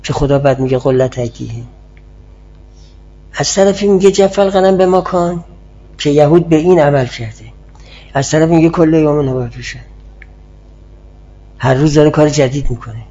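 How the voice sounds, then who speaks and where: A male teacher lectures in a measured, explanatory way, pausing to answer his students. His voice sits a little high but sounds mellow and husky. The recording is dull and muffled. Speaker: teacher of Islamic philosophy. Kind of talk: classroom lecture.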